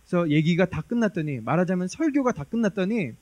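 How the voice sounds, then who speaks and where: A man preaching a sermon, retelling a story in a lively, conversational way. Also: high-pitched, quick pace.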